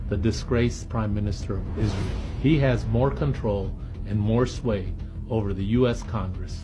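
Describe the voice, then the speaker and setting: A man running for office, delivering a campaign speech with declamatory, emphatic rhetorical questions. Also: lowish voice. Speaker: political candidate.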